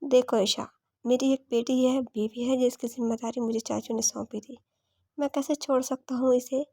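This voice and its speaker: Casting: a woman reading a tired, duty-bound husband, steady high read. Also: normal speed, no echo. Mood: weary, firm. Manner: read plainly in the narrator's voice. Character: weary married man, calm and dutiful.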